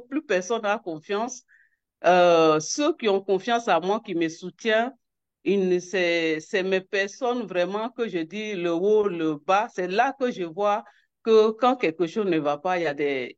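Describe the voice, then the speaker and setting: A woman's voice: lowish voice, dull audio. A woman giving an emotional personal testimony as a network coordinator, hesitant, with many restarts and repeated words. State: emotional, near tears.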